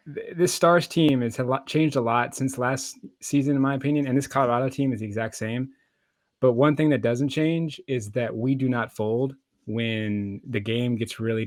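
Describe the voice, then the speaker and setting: A man's voice: medium pitch, no room sound. Man co-hosting, dry close sound. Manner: conversational, loosely phrased opinions. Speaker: podcast co-host. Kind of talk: casual sports analysis.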